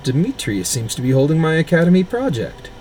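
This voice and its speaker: Soft-spoken beat-up young scholar guy, narrator voicing him. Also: on the high side, big pitch swings, fairly quick, slight background noise, voice pushed up. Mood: weary.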